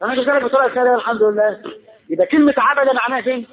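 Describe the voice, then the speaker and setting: Speaking rapid-fire in a very high voice over phone-quality audio, a man with an Egyptian Arabic accent leads a casual religious lesson on Arabic grammar. He quizzes his listeners and then supplies the answers himself.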